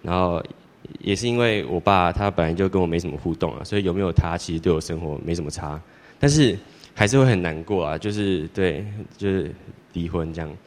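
A teenage boy giving a church testimony in a rambling, halting way, with many restarts. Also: deep voice, a little mellow. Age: teens. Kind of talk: personal testimony. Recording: long hall reverb.

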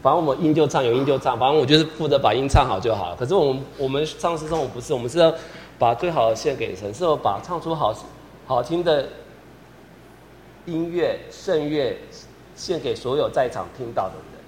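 A man's voice: medium pitch, animated, brisk, darkish tone, slight background noise. A man directing a choir rehearsal, patiently repeating instructions, counting the singers in and singing lines to show them. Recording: long hall reverb with piano behind. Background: piano accompaniment.

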